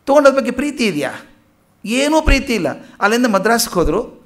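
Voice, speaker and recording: A man's voice: very high voice, fairly quick. A man with a Kannada accent giving a public lecture, telling stories and acting out the quoted speech of the people in them. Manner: animated storyteller, acts out quoted speech. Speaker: public speaker. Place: lecture hall.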